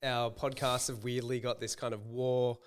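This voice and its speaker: A man co-hosting a casual podcast. He talks in a loose, friendly, meandering way, with a voice pitched in the ordinary middle range for a man. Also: level tone, moderate pace, clear, resonant tone. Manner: friendly and rambling, says "mate" and "like" a lot. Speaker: podcast co-host.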